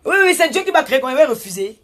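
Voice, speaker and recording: Woman, high-pitched, loud and forceful, combative ranting live video. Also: big pitch swings, very fast. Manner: combative, scolding, repetitive. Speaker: social media personality.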